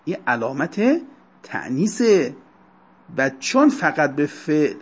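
Male teacher, husky voice, somewhat high-pitched, patient classroom lecturer on dull lo-fi audio. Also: big pitch swings. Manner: explanatory, lecturing to students, slow deliberate stresses on terms. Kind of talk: Arabic grammar lecture. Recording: dull lo-fi recording.

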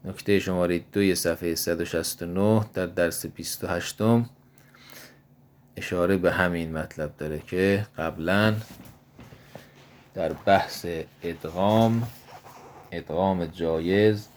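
A male teacher giving a grammar lesson in a slow, measured way, reciting verb forms one by one. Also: low-pitched, fairly even intonation, a little hiss or hum.

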